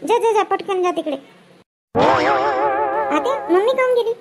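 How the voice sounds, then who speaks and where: Brief: a woman playing a bossy village wedding guest, shrill high voice, clipped nagging questions. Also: huge pitch swings, over music, full character voice. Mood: fussing. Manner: brisk, bossy, full of questioning "hm?" tags. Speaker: wedding guest in a comedy skit. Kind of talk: village comedy skit acting.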